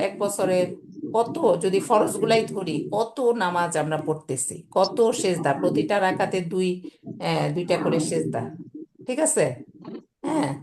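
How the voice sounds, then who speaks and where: A woman's voice: mid-range voice, noisy background. A woman teaching a Quran reading class over a video call, explaining patiently and often checking with students whether they follow. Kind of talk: online class lesson.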